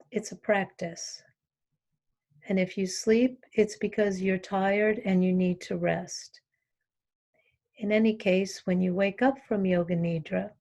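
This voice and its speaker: A yoga nidra teacher guides listeners through a relaxation meditation with calm, brief instructions and long pauses in between. Her voice is medium-pitched and creaky.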